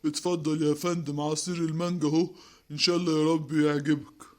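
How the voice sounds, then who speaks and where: Someone performs a courteous Egyptian cafe waiter in a homemade comedy skit. He speaks formally and deferentially at an ordinary middle pitch. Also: level tone, fast talker, close to an everyday voice. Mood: polite. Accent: Egyptian Arabic. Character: polite cafe waiter who turns angry.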